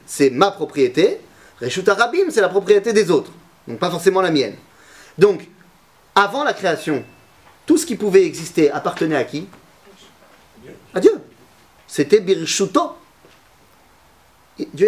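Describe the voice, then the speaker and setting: A man's voice: sits high, big pitch swings, moderate pace, long pauses, darkish tone. A man teaching a Torah lesson to a class, asking his students questions and mixing Hebrew terms into his talk.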